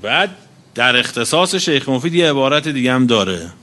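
A man's voice: medium pitch, sing-song, pushed and bright. A man preaching a religious sermon, reciting Arabic quotations and explaining each one in plain talk. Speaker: cleric.

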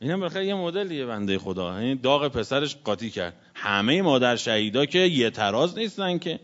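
A male cleric giving a sermon, telling religious stories and swinging between loud exclamations and hushed asides. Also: medium pitch, sing-song, highs cut off. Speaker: cleric preacher.

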